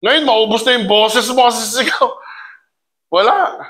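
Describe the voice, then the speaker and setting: A man leads a community orientation, talking to his audience in a lively seminar style. His voice sits high and sounds bright and forceful. He slips English phrases into his talk and keeps putting rhetorical questions to the room. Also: a little slow.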